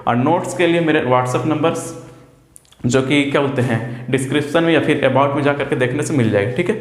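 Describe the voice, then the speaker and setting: A young man, teaching an exam-prep lesson in a casual style and answering his own questions. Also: fairly high pitch. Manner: asks questions and answers them himself, drawn-out example words. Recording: echoey room with long reverb.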